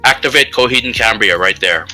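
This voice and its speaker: A man hosting a podcast in casual chat, easygoing and quick to laugh. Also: on the low side, bright, forceful tone, faint music behind.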